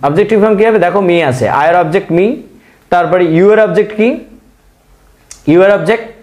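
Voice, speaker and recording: A man's voice: sits high, fast talker, darkish tone. A man teaching spoken English in Bengali, coaxing his viewers with repeated questions. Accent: Bangladeshi Bengali.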